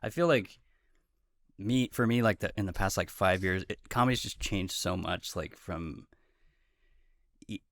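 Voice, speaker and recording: A man's voice: deep voice, measured pace, pauses often. A man from the Pacific Northwest hosting a casual podcast interview, rambling and full of filler words as he asks questions. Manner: rambling, many filler words, warm to his guest. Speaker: podcast host. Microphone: podcast mic.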